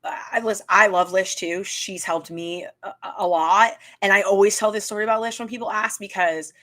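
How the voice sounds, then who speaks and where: A woman's voice: medium pitch, steady tone, moderate pace, a bit bright. A woman hosting a casual interview chat, talking emphatically and explaining things at length in a conversational way. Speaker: podcast host, interviewer.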